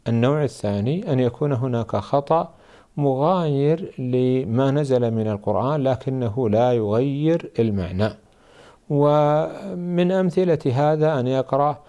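A man answering religious questions as a scholar, measured and explanatory. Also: mid-range voice, dark tone. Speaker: Islamic scholar.

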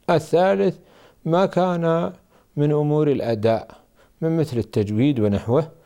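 A man answering religious questions as a scholar, measured and explanatory. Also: mid-range voice, dark tone. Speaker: Islamic scholar.

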